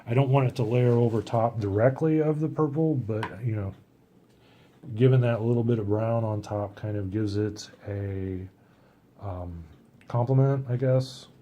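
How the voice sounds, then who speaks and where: A man's voice: medium pitch, unhurried, warm tone, slight background noise. A man casually talking through his watercolor technique as he paints, thinking aloud and often trailing off. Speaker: watercolor artist.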